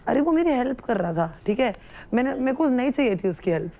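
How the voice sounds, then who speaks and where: A woman's voice: a little high, very animated, quick pace, warm tone. A young woman, a reality show contestant, talking in a dismissive, sarcastic way.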